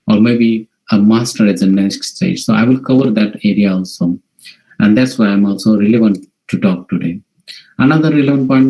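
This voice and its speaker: A man from India, a native Marathi speaker with a Marathi accent, gives an informal online presentation in a halting way, often repeating and rephrasing. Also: on the low side, mellow, rough recording. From Maharashtra, India. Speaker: workshop presenter. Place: video call.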